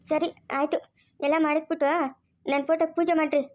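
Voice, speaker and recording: Bossy old granny ghost played by a woman, high voice, giving orders. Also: little pitch movement, brisk, darkish tone, close to an everyday voice. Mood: stern, demanding. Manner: commanding, listing demands. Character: dead grandmother's spirit, demanding and stern. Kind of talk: family drama acting.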